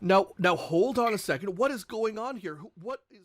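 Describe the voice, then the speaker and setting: A man's voice: high-pitched, expressive, normal speed, voice pushed up. Man doing flustered city guards. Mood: startled.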